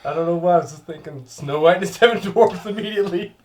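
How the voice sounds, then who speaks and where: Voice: mid-range voice, quick pace. A person chatting casually and breaking into giggles while talking. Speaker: contestant in a joke challenge. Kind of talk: casual chat.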